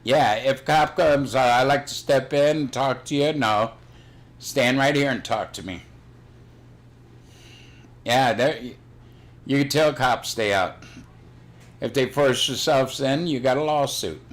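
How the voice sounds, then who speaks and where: A man's voice: medium pitch, unhurried, pauses often. Blunt, rambling older man streaming. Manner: blunt, swears freely, rambling. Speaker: livestream host. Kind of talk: casual chat.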